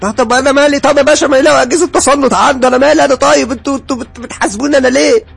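A man's voice: extremely high pitch, steady tone, very fast, gravelly, fairly bright tone, faint music behind, full character voice. An actor playing a terrified young man who stammers and pleads his innocence under interrogation in an audio drama. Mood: defensive. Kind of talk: audio horror drama acting.

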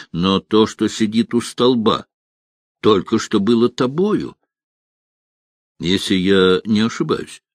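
A man's voice: fairly low pitch, no room sound, clean studio sound, heavily acted. A man doing a wry quizzical bard.

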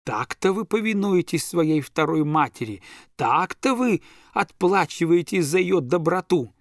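A self-righteous male tutor with a pompous, tragic tone, as a man reads him. He sits a little above the reader's own pitch. The sound is dry and close. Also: very animated, a little slow, gravelly, no echo, heavily acted.

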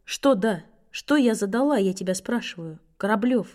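A woman's voice: lively intonation, moderate pace, natural voice. Woman doing a stern impatient schoolteacher. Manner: strict, lower and quieter than the narration. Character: stern middle-aged female schoolteacher, impatient.

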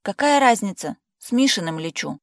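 A reader voicing a nervous young woman stuck behind her door, anxious and quick to snap back. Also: mid-range voice, sing-song, dry recording, clean studio sound, voice pushed up. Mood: irritated. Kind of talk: audiobook character voice.

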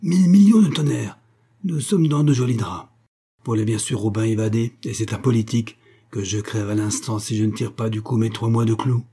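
A man's voice: mid-range voice, expressive, moderate pace, husky, voice pushed up. A man voicing a brutal, bullying prison guard who barks threats and insults in a raised voice. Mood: snarling, bellowing. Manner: barking, threatening shouts.

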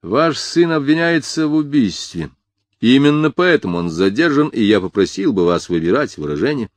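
A man's voice: mid-range voice, sing-song, moderate pace, no room sound, voice pushed up, lightly acted. A man voicing a composed male police investigator who speaks firmly and formally. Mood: stern. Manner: firm, formal.

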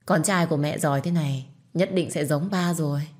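A gentle young mother voiced by a woman narrator speaks softly to her small son. Her voice is low and loving. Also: fairly quick, close to an everyday voice. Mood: tender. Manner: soft, loving.

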